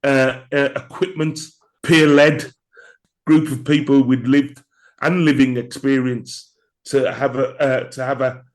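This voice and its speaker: Hoarse, slow-speaking man with the flu. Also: medium pitch, level tone. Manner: slow, halting, reflective. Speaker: podcast co-host. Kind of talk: casual podcast chat.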